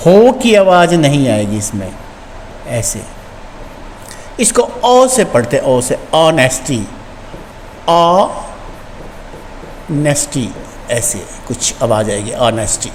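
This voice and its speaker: A man teaching an English lesson to children, repeating words slowly and translating line by line. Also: high-pitched. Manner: calls pupils "beta" warmly. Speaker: school teacher. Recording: reverberant room, faint background noise.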